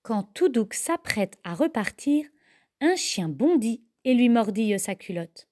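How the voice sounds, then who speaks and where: A mother reading a children's story aloud in a slow, expressive storybook manner. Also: fairly high pitch. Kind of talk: storybook narration.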